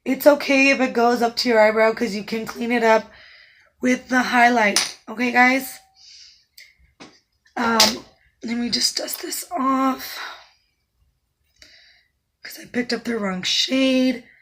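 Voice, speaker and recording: A makeup artist walks through a tutorial calmly and instructively, slipping into soft asides as she works. Her naturally raspy, slightly high voice is hoarse and keeps cutting in and out, and she speaks slowly with frequent pauses.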